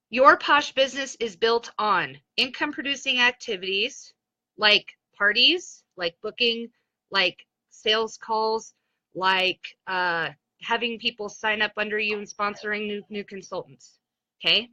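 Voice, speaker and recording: A woman's voice: medium pitch, a little slow, bright, forceful tone, no echo, highs cut off. A woman doing a blunt, chatty motivational talk on a live stream, speaking to sales consultants. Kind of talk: Facebook Live pep talk. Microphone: phone.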